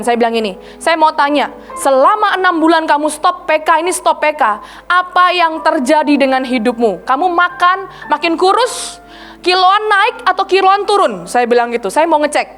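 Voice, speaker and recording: A woman evangelist preaching a sermon, retelling testimonies and acting out the people she quotes in a lively way. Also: high voice, moderate pace, faint music behind.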